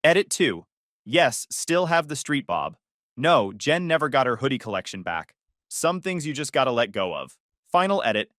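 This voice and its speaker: A man narrating reddit stories in a steady first-person telling. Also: medium pitch, normal speed, no echo, studio quality. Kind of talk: scripted story narration.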